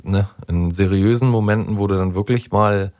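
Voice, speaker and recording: Male co-host, lower voice, dry close mic, stern lecturing coach in a comedy sketch. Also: moderate pace, darkish tone, dry recording. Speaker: podcast co-host.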